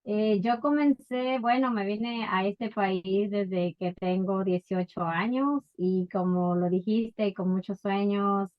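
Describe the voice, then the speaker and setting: A woman from Ecuador telling her life story as an interview guest, unhurried and full of fillers. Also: medium pitch, muffled recording. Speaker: guest entrepreneur. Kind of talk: casual interview.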